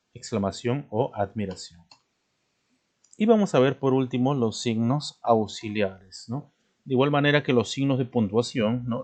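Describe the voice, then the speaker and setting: A man's voice: mid-range voice, a little mellow. A man teaching a lesson, explaining step by step and ending almost every phrase with a checking "¿no?". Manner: explanatory, tags nearly every phrase with a questioning "¿no?". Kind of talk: classroom lesson.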